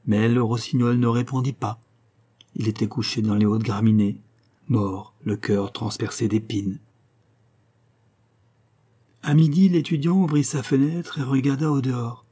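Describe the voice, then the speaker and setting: A man reading a fairy tale aloud in a measured, solemn way. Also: medium pitch, dark tone, slightly rough. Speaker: narrator. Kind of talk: storybook reading.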